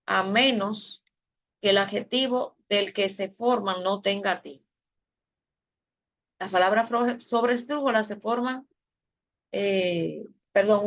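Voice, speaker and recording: A woman's voice: medium pitch, fairly bright tone, muffled recording. A woman teacher giving an online class lecture, explaining step by step with fillers and self-corrections. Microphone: video call.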